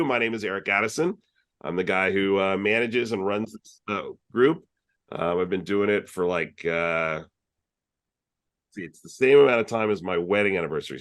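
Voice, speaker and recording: A man with a lowish voice hosts an online user group meeting over a video call, chatting casually through announcements with many fillers and restarts.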